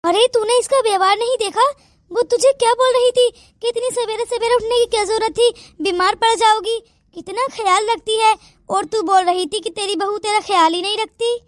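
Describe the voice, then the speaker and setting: A bossy older aunt, voiced for a cartoon, indignant and meddling. She sounds extremely high-pitched. The recording is dry and close. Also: steady tone, normal speed, dry recording. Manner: scolding, bossy. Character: older sister-aunt, nosy and quick to anger. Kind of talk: Hindi cartoon voice acting.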